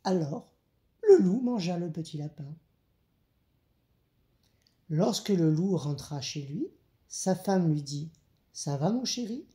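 A woman reading a children's storybook aloud, slowly and expressively. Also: deep voice. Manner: slow, deliberate and expressive. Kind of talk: children's audiobook narration. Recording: echoey room.

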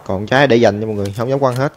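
A man giving excitable, chatty commentary over his own gameplay, talking to viewers and taunting enemies. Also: mid-range voice, very fast. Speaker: gaming streamer. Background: game music and gunfire.

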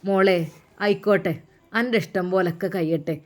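A woman voicing an affectionate older mother who gently coaxes and persuades in a storybook tale. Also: mid-range voice, normal speed, natural voice. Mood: coaxing tender. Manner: coaxing, affectionate. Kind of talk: storytelling voice acting.

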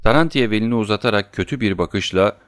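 A man reads a novel aloud in a measured, even narration. His voice sits low, and the recording is dry with no room sound. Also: no room sound. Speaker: audiobook narrator. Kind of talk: scripted narration.

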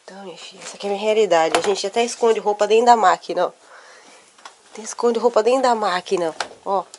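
Chatty Brazilian mom vlogger. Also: female voice, mid-range voice, fast talker, slight background noise. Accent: Brazilian Portuguese. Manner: chatty, teasing, talks straight to viewers. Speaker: vlogger and mother. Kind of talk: casual talk to camera. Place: at home, indoors.

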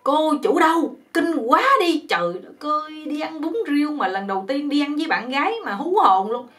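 Woman doing a fussy young guy losing it, shouting high and loud, bouncing all over. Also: expressive, normal speed. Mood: outraged. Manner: shouting, indignant. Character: angry fussy young man yelling at a noodle stall.

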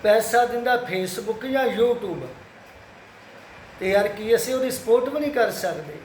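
A man's voice: sits high, animated, unhurried, darkish tone, echoey room, a little hiss or hum, rough recording. A man from Punjab speaking in an earnest, consoling address to his followers, repeating his pleas. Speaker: Sikh social media speaker.

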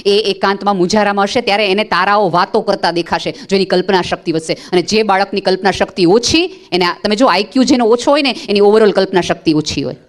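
A woman's voice: medium pitch, fast, few pauses. A woman giving a motivational talk to parents, speaking emphatically with rhetorical questions and short anecdotes.

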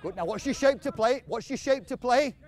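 Man, football coach, fairly high voice, encouraging, repeats short commands, outdoors on a pitch. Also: brisk, darkish tone. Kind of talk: on-field coaching instruction.

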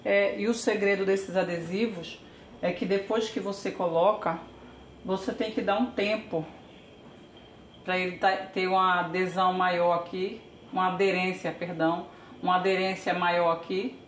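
Speaking in a steady tone on the low side at a moderate pace, an older woman from Brazil talks through a home how-to in her kitchen. This home vlogger is chatty and thinks aloud as she works; the room echoes and a faint hiss sits underneath.

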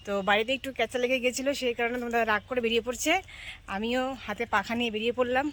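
A woman's voice: on the high side, steady tone, rapid-fire. A woman vlogging outdoors on a phone camera, chatting casually to her viewers. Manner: chatty, addresses viewers as friends, often asks "okay?"; drops to a hushed voice at times while sneaking up. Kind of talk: casual vlog talk to viewers. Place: outdoors in a bamboo grove and fields.

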